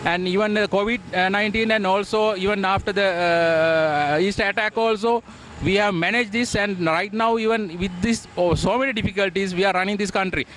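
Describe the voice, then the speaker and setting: Earnest Sri hotelier, higher voice. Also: male voice, fairly quick, fairly bright tone, a little hiss or hum. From Sri Lanka. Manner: earnest, hesitant with many "uh"s. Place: city street outdoors.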